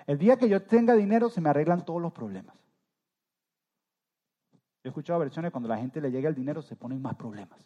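A man preaching a sermon with a fairly high but mellow, warm voice. His delivery swings between loud emphatic rises and soft trailing endings. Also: lively intonation, fast talker, pauses often, lo-fi sound. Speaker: pastor.

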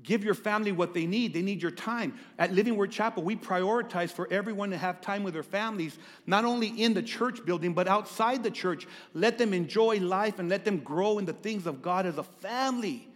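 A man's voice: high voice, brisk, hardly any pauses, fairly bright tone, in a large hall. A man preaching a sermon to his congregation in church, often repeating words and putting questions to the listeners. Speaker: pastor. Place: church hall.

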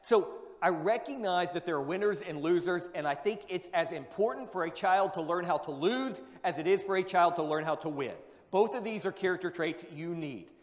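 A man with a notably high voice delivers a sermon from the pulpit of a church. He drives his points home with rhetorical questions and repeats key lines for emphasis. His words ring out with the long reverb of a big hall. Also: lively intonation, normal speed. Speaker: pastor.

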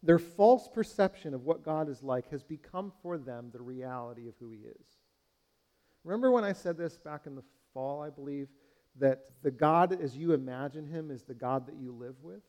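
A man's voice: a little high, expressive, normal speed, a little mellow. A man preaching a sermon, earnest and searching, asking his congregation questions and addressing them as friends. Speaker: pastor.

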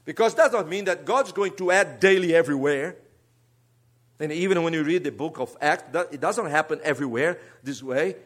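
He's a Brazilian seminary teacher serving as guest preacher, his accent clearly Brazilian Portuguese. The earnest sermon drifts between hushed asides and strong rises, spoken at a moderate pace with a voice on the high side.

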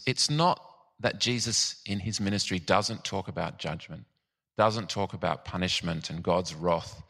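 Deep, bright-toned male preacher. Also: creaky. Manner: thoughtful, with frequent ums and restarts. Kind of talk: sermon.

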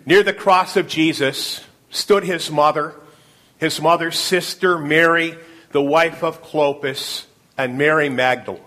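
A man, a pastor, introducing a midweek service and reading scripture in a calm, measured way. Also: fairly high pitch.

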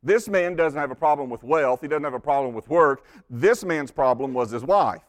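A man preaching a sermon, telling stories with animated delivery, often repeating words as he starts a phrase and dropping to a hushed, intense tone for emphasis. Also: medium pitch, normal speed. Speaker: pastor.

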